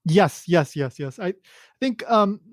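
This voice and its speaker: A man's voice: high voice, lively intonation, slow, dry recording, studio quality. A man hosting a podcast, talking casually and rambling with many fillers and restarts. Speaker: podcast host.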